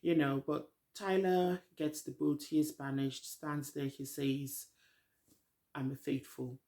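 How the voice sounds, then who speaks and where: A woman's voice: deep voice, fairly even intonation, a little slow, mellow. A middle-aged woman talks through a reality show in a loose, rambling vlog recap. She is candid and opinionated, and she sounds a little worn out. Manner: chatty, rambling, frank opinions. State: tired, hasn't eaten. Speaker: vlogger. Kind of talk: casual TV recap commentary.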